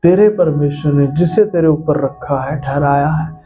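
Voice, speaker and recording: A man's voice: on the high side, unhurried, dark tone. A male pastor from India preaching a sermon, talking straight at his listeners with repeated phrases and rhetorical questions. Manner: emphatic, repetitive, addresses listeners directly with rhetorical questions. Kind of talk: Hindi sermon. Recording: dull lo-fi sound with faint music.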